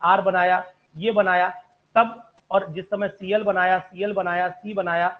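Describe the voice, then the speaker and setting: A man's voice: high-pitched, little pitch movement, a little slow, muffled recording. A man teaching an online chemistry class, politely asking students questions and calling them sir.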